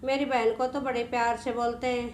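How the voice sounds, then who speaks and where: A woman's voice: a little high, level tone, fairly quick, echoey room, a little hiss or hum, close to an everyday voice. A woman voicing a hurt little schoolgirl who complains to her mother.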